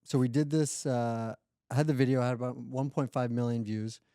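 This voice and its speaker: Male co-host, mellow voice, playful and casual, lots of "like". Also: mid-range voice, steady tone, normal speed, dry recording, clean studio sound. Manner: loose and playful, heavy use of "like". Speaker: podcast co-host. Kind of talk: casual chat.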